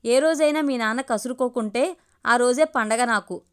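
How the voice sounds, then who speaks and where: A woman's voice: fairly high pitch, normal speed, clean tone, close to an everyday voice. Woman reading as a wry middle-aged mother.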